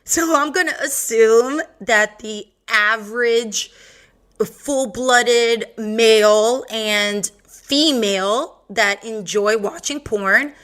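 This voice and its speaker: A young woman with a bright, sharp voice and a Valley Girl accent runs her podcast in a sassy, profane, sing-song drawl. She talks slowly and sits a touch high. Faint music plays behind her. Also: clean tone. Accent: Californian Valley Girl. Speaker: podcast host. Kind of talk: casual monologue.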